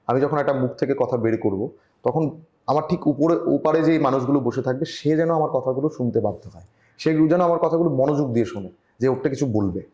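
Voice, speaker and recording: A man from Tripura, India, giving earnest advice as a journalist guest in an online interview, often pausing and restarting. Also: mid-range voice, warm tone, reverberant, dull audio. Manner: earnest, advising, with frequent hesitations. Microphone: video call.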